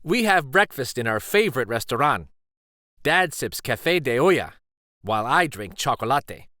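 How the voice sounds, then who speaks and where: A man reads a children's picture book aloud, telling the story in an expressive, deliberate way. His voice is mid-range, and the studio-quality recording has no echo.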